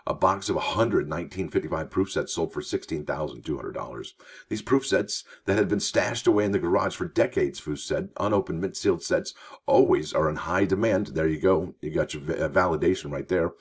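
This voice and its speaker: A man's voice: low voice, breathy edge. A man hosting a coin news show, reading articles aloud with chatty, enthusiastic asides to his viewers. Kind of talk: casual news commentary.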